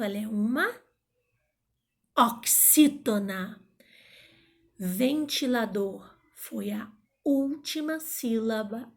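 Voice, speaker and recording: Speaking at a fairly high pitch, a woman leads a playful grammar lesson. Now and then she calls out words loudly to find where the stress falls.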